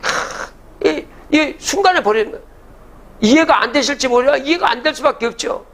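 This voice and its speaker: Older guy lecturing, really high voice, chants old verses then explains, keeps asking the crowd stuff. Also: expressive, moderate pace, a bit bright. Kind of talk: public lecture.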